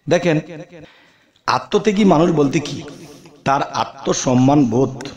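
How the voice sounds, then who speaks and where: A man giving an earnest religious talk, lifting his voice on questions and then dropping low and soft. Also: roomy sound. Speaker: preacher.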